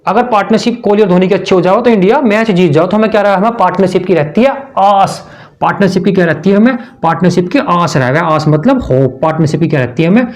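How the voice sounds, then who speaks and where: A high-pitched male tutor, teaching exam memory tricks. He fires off questions and answers them himself, repeating the key words in a chummy, conversational way.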